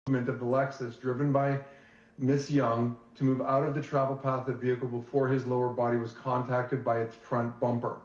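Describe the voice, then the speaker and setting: A man testifying as an expert witness in a courtroom recording, giving short, measured answers. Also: medium pitch, level tone, darkish tone. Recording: echoey dull courtroom audio.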